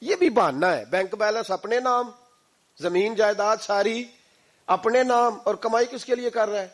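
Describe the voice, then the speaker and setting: Pakistani urdu preacher guy, kinda high voice, keeps firing questions and pushing his voice up. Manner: emphatic, rhetorical questions, voice rising on key points. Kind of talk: sermon.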